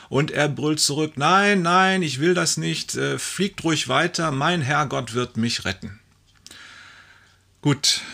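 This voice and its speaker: Gravelly man leisurely telling jokes. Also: mid-range voice, a bit bright. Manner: leisurely storytelling with fillers, acting out the voices. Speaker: joke teller.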